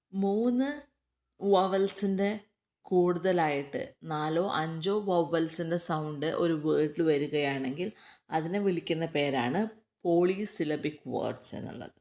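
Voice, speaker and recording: Malayali lady teacher going through a textbook, reads english really slow and careful, a bit low voice. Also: darkish tone. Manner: reads English slowly and deliberately, then explains quickly. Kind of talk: textbook lesson, reading English then explaining in Malayalam.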